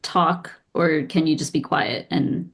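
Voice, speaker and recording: Woman, podcast co-host, lowish voice, chatty, laughs a lot, casual. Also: steady tone, takes it slowly, vocal fry, husky. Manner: chatty, laughs often, many "like" fillers. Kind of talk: casual chat.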